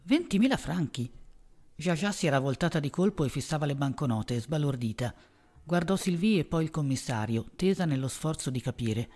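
A man narrating a novel as an audiobook in a measured, even reading voice. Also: fairly high pitch.

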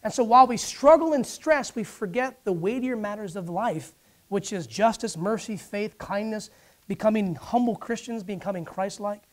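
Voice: medium pitch, moderate pace. Preacher doing a sermon, keeps asking the church amen?, acts out bible characters. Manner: calls to the congregation for responses; acts out Bible figures in dialogue.

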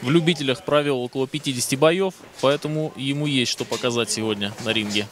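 A man giving factual boxing commentary in a measured manner. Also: medium pitch, noisy background. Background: music, event hall sound.

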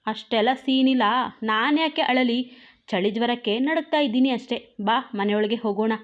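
Female narrator doing young man, gruff, shaky pleading, bit high, lo-fi. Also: moderate pace, natural voice. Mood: scolding. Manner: trembling, scolding.

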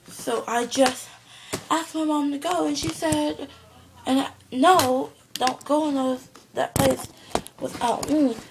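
Young girl vlogging in her room, kinda high voice, lots of ums, noisy camera mic. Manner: chatty, rambling with many fillers. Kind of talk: casual show-and-tell vlog. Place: her bedroom. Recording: home video with background noise.

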